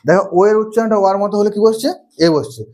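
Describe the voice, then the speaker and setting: A man's voice: high voice, animated, rapid-fire, darkish tone. A man teaching English grammar. He keeps asking his students questions, answers them himself and repeats the key rules. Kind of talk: classroom-style lesson.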